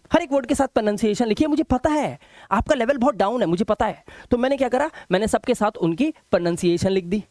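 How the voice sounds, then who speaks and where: A male teacher explaining English grammar to viewers, speaking slowly and repeating words and spellings in a sing-song drill. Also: high-pitched, a little mellow, no echo, clean studio sound. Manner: explains slowly with repetition, addresses viewers directly; drills word lists in a slow, sing-song rhythm. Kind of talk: spoken English lesson in Hindi.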